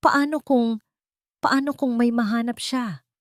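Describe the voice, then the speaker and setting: A man's voice: sits high, big pitch swings, moderate pace, dry recording, studio quality, voice pushed up. A woman narrator voicing an anxious adult son who talks with panic in his voice. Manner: urgent, pressing.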